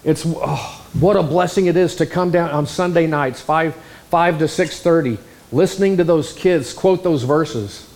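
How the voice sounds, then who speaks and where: Man, pastor, lively sermon storytelling, fairly high-pitched voice. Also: unhurried. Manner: animated, exclamatory storyteller.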